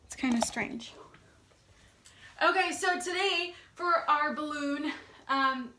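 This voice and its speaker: Woman vlogger, high bright chatty voice, slightly winded, roomy home echo. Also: takes it slowly. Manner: bubbly, chatty, with fillers. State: out of breath. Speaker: YouTube vlogger. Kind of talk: casual chat to camera. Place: home, indoors.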